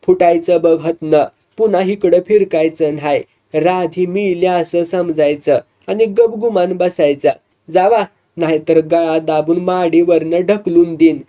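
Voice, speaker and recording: A man doing a loud drunk village bully. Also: fairly high pitch, fairly even intonation, unhurried, close to an everyday voice. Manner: loud, swaggering, threatening. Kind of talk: storytelling with acted dialogue.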